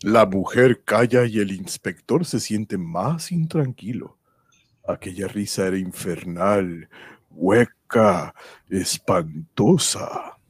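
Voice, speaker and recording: A man's voice: on the low side, takes it slowly, slightly rough, dry recording, studio quality. A man delivering dramatic scripted narration for a radio serial.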